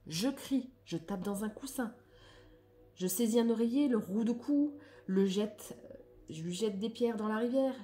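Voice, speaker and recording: Soft-spoken woman reading oracle cards. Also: medium pitch, unhurried. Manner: soft, reflective, often trailing off. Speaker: spiritual card reader.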